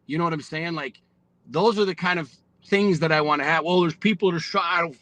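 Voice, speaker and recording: A man's voice: fairly high pitch, a little fast, sharp tone, dry recording, low-quality recording. A man in his forties, a podcast guest, talking bluntly and with lots of profanity in a fired-up, motivational way. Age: 40s. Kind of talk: casual podcast conversation.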